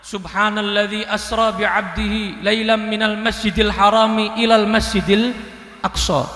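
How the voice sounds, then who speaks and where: A man voicing a pious old woman pilgrim who answers in slow, solemn chanted recitation. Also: sits high, steady tone, sharp tone. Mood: solemn reciting. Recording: echoey hall reverb.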